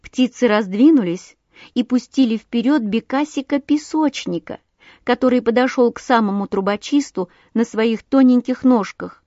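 A woman narrating a children's storybook slowly and expressively. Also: fairly high pitch, no room sound, highs cut off. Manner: slow, expressive.

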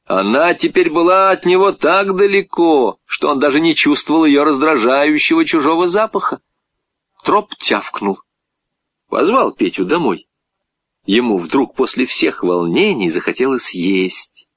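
A man reading a children's story aloud with expressive, swinging delivery. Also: fairly high pitch, a little slow, dry recording.

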